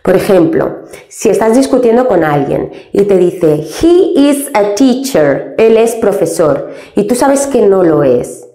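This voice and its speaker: A woman from Spain teaching English grammar step by step, slowly and patiently spelling out each example. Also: mid-range voice, animated, mellow, roomy sound. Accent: Spain Spanish.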